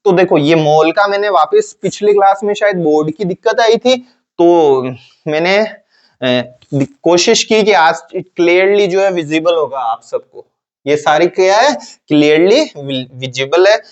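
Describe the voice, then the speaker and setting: A man teaching a classroom lesson in a casual, repetitive way. He asks questions and then answers them himself in a lower voice. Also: expressive, measured pace, dull audio. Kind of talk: classroom lecture.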